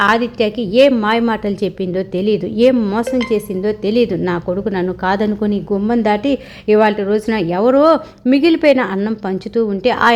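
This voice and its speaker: A bitter, vengeful mother scolds in a raised, agitated voice, as a woman storyteller puts her on. She sounds wounded and fierce, the pitch pushed upward. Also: close to an everyday voice. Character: angry grieving wealthy mother, bitter and vengeful.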